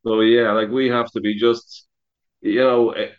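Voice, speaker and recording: A man's voice: medium pitch, little pitch movement, a little slow. A man co-hosting a casual sports podcast, talking in long, opinionated stretches full of "like" and "you know". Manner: rambling, opinionated, heavy use of "like" and "you know". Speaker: podcast co-host. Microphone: remote call over the internet. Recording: muffled internet call audio.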